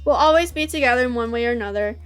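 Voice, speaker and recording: A woman voicing a warm young woman protagonist who speaks sincerely, reading a visual novel. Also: fairly high pitch, rapid-fire, clear, resonant tone, faint music behind, close to an everyday voice. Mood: heartfelt.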